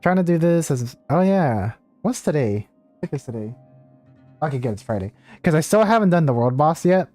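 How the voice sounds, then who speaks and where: Brisk and sing-song, a warm mid-range voice belongs to a livestreamer commenting on a game and chatting casually with viewers in an easygoing, apologetic way. There's no echo, just video game music in the background.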